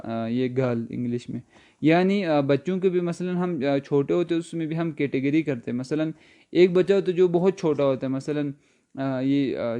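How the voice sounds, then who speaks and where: A man teaching an online language lesson. He asks his students questions, answers them slowly and spells words out letter by letter, with many hesitation sounds along the way. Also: fairly high pitch, dark tone.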